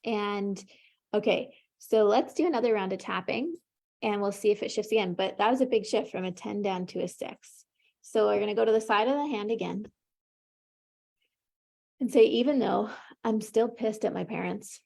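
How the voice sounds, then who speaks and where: An EFT tapping coach with a mid-range voice and some vocal fry leads an emotional tapping session at normal speed. She calls out the tapping points and offers short phrases for her client to repeat, staying calm and encouraging throughout.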